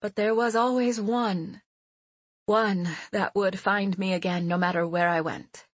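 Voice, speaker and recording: A woman reading as a frightened, earnest young woman who talks quickly and anxiously. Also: mid-range voice, steady tone, dry recording, natural voice. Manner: anxious, tumbling out words.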